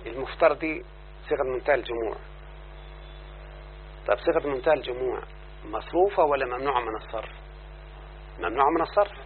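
An Egyptian man leads a classroom grammar lesson, walking through each rule and pausing often to check with his listeners. His voice sits in a middle register. The recording is thin and phone-like, with a faint hum underneath. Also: medium pitch. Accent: Egyptian Arabic. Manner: explains then checks the class with repeated questions. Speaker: teacher of Arabic grammar.

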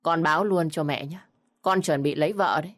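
Menacing young man, rapid and loud, read by a woman. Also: deep voice, natural voice. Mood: blunt. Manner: threatening, shouting. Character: violent drugged young brother-in-law.

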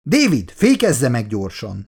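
Brief: composed woman scientist in an audiobook, a man reading her lines, hushed and in command. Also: medium pitch, gravelly, slightly rough, full character voice. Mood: alarmed. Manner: calm, hushed orders turning to shouts. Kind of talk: audiobook dialogue.

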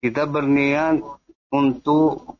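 A man's voice: on the high side, flat delivery, dry recording. Caller guy on a choppy glitchy phone line, cutting out, muffled and dry, hesitant. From North Sumatra, Indonesia. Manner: halting, hesitant questions with restarts. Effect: choppy phone line that keeps breaking up, faint and glitchy.

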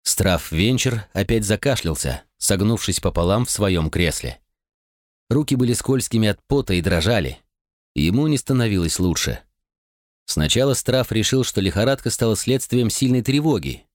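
Man, audiobook narrator, low pitch, expressive dramatic reading, dry studio. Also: moderate pace, no room sound. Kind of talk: scripted narration.

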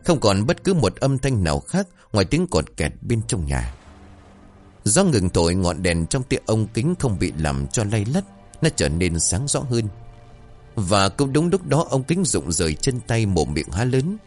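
Deep-voiced man narrating a horror story. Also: very animated, a little slow, a little mellow, soft background music. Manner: dramatic, suspenseful.

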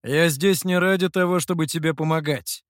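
A man voicing a stern, menacing dark master who speaks in a threatening way in an audiobook. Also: on the high side, steady tone, moderate pace, dry recording, clean studio sound, close to an everyday voice.

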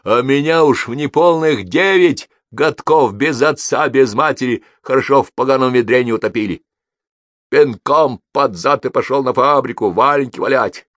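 A man reading the part of a boastful, scornful branded convict, loud and drawling in a dry recording. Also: mid-range voice, moderate pace, dry recording, pitched above the performer's own voice, close to an everyday voice. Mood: bitter.

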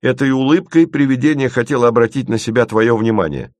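A man's voice: medium pitch, animated, normal speed, no room sound, voice pushed up, lightly acted. A man reading an audiobook, voicing a theatrical know-it-all male colleague who lectures emphatically. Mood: lecturing.

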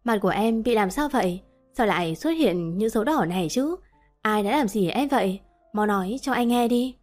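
A woman voicing a devoted young husband in a spoken story, speaking softly and earnestly. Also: mid-range voice, animated, moderate pace, soft background music, lightly acted. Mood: stern. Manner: tender, then stern when worried.

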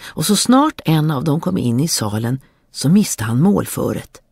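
A storyteller reading a fairy tale aloud in a lively, expressive way. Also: mid-range voice, gravelly, breathy edge, no echo, studio quality.

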